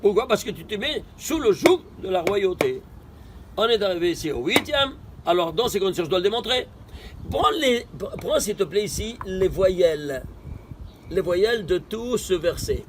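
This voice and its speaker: A man with a notably high voice gives a Torah study lesson. He fires off rhetorical questions and answers them himself. He swings between emphatic bursts and quiet asides, over faint vehicle noise. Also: sing-song, moderate pace. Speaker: Torah teacher.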